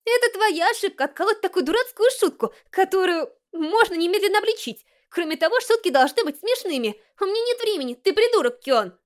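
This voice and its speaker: A woman voicing a bossy, sharp-tongued teenage schoolgirl who scolds and brushes off the listener, heard over a phone line. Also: extremely high pitch, animated, fairly quick, few pauses, voice pushed up. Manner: scolding, dismissive.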